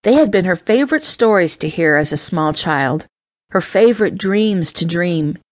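A woman reading a romance audiobook in a gentle, measured storytelling voice. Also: lowish voice, animated, no echo. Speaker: audiobook narrator. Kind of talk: scripted narration.

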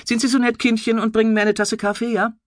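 A man's voice: sits high, flat delivery, quick pace, no echo, studio quality, pitched above the performer's own voice, lightly acted. A woman reading an audiobook, voicing a curt, grumbling middle-aged male police chief. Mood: gruff.

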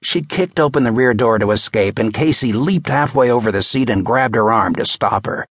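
A man narrating a thriller audiobook in a tense, dramatic, measured way, close to a studio mic. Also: medium pitch, dry recording.

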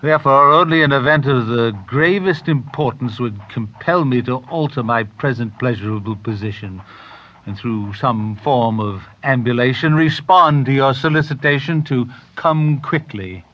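An actor playing a pompous, long-winded Victorian doctor and narrator in a comic audio theater parody, speaking in wordy, stuffily formal phrases. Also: male voice, mid-range voice, normal speed, dull audio, natural voice. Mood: stuffy, unimpressed.

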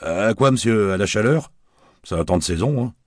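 A man's voice: on the low side, expressive, moderate pace, a little mellow, no echo, clean studio sound, pitched above the performer's own voice. A man voicing a polite, deferential male waiter making small talk.

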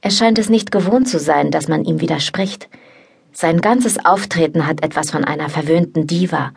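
A woman narrating an erotic novel in the first person, in calm, intimate storytelling. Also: low-pitched, moderate pace, creaky, slight background noise. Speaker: audiobook narrator.

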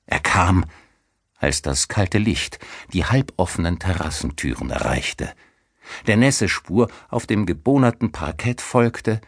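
A man's voice: low voice, vocal fry, husky, dry recording. A man reading a mystery audiobook with dramatic, suspenseful storytelling into a studio mic. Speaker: audiobook narrator. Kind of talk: scripted narration.

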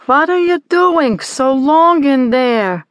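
A shrill, nagging mother who hollers every line, pitched well above the storyteller's own voice, as a woman narrator puts her on. The sound is dry and close, with no room around it, like a storybook recording. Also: takes it slowly, no echo. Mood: hollering. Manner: shouting, hollering.

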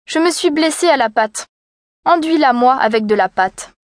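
A sly, wheedling wolf, put on by a woman reading a storybook, pitching his voice up sweetly with roughness beneath. The sound is dry and close. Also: expressive, normal speed, no echo. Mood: demanding. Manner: wheedling and coaxing. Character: sly male wolf faking a sweet mother voice.

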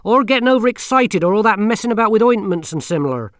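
A man's voice: high-pitched, expressive, quick pace, a bit bright, dry recording, clean studio sound, voice pushed up. A man reading a storybook, voicing a stern old village witch woman who speaks firmly and disapprovingly. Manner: firm and disapproving.

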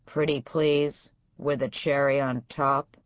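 A woman's voice: low-pitched, brisk, dry recording, lightly acted. A woman voicing a sarcastic, domineering older male judge in an audiobook, with a dull, dry studio sound. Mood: mocking.

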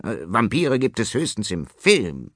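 A brash boastful tomcat. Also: male voice, fairly low pitch, wildly swooping pitch, no room sound, full character voice. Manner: fast-talking, boastful and pushy. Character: brash male tomcat film director, cocky hustler. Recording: dry studio audiobook.

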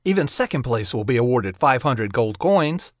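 A man voicing an eager, reckless young man, raising his voice high with excitement. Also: moderate pace, dry recording, clean studio sound.

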